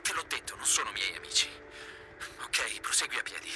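A curt handler over walkie-talkie. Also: male voice, fairly low pitch, big pitch swings, a little fast, loud music behind the voice. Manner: clipped, terse, commanding. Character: curt secretive male government handler. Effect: over a walkie-talkie radio. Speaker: secretive handler giving orders by radio. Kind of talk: dubbed video game dialogue.

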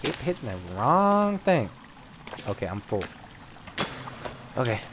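Over clear background noise like falling rain, a man with a mid-pitched voice chats casually. He talks as the host of a co-op gaming session, keeping up loose commentary with his teammates. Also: big pitch swings, slow. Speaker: host of a gaming video series. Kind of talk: casual co-op gameplay chat.

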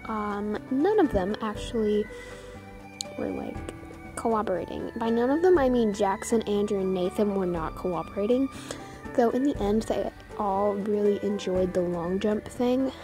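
A woman's voice: mid-range voice, mellow. A teenage girl giving a casual, chatty vlog outdoors into a phone, with a bossy, giggly manner. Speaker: older sister vlogging, coaching siblings. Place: outdoors on a driveway. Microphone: phone held at arm's length.

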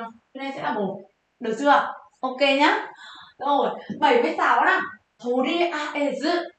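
Lively high-voiced woman teaching vocabulary. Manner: lively, quizzing viewers with questions. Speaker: Japanese teacher. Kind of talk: vocabulary exam lesson. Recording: very echoey room.

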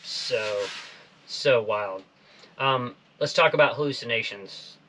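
A man in his forties hosting a casual interview in a small boat cabin, talking in a relaxed, laid-back way. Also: mid-range voice, slow pace, rough recording. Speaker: podcast host.

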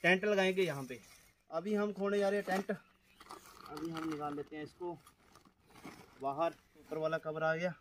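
Camping out in a grassy wooded field, this young Himachali man talks casually to his viewers, addressing them as friends through a camera held at arm's length. He speaks at normal speed in a fairly high, steady voice and pauses often, with slight background noise.

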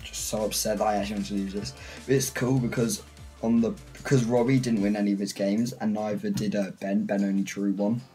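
A man's voice: lowish voice, little pitch movement, a little fast, warm tone, faint music behind, low-quality recording. A British man giving a casual, rambling, self-mocking voice-over on his own football gameplay. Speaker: gaming channel host.

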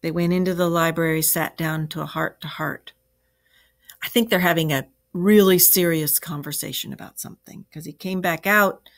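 A woman's voice: sits low, fairly even intonation, moderate pace. A woman teacher reading a storybook aloud to children, stopping to explain and ask the listeners questions. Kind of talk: classroom read-aloud.

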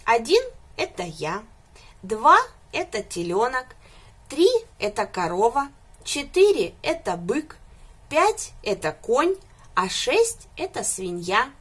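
A woman voicing a clever little boy goat kid in a storybook, counting everyone aloud with eager pride and a slightly husky tone. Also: fairly high pitch, very animated, measured pace, exaggerated voice. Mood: proudly counting. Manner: bright, proudly counting aloud.

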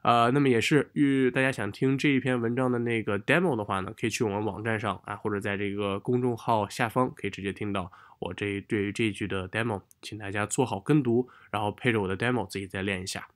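A man tutoring English exam reading in Chinese, patiently explaining and modelling the words aloud slowly. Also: fairly low pitch, steady tone. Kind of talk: exam-prep lesson.

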